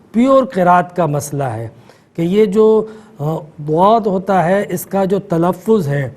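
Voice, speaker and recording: A middle-aged man, a mufti answering callers' questions in a calm, explanatory manner. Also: high-pitched. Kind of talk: religious call-in answers.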